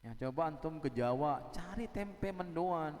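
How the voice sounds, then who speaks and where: Animated man preaching in a hall. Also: a little high, a little slow. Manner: animated, joking, acting out little scenes. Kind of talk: sermon. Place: prayer hall. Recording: hall reverb.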